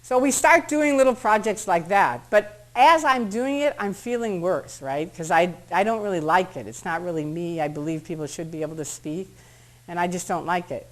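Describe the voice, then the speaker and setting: A woman's voice: lowish voice, moderate pace, rough recording. A middle-aged American woman telling a personal story to an audience at a public talk, acting out what others said in shifting voices. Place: meeting room before an audience.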